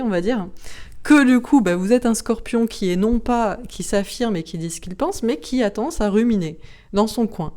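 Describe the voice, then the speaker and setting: A woman's voice: medium pitch, mellow. A woman giving a casual astrology and tarot reading to camera, chatty and rambling, laughing often and using slang. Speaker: tarot card reader.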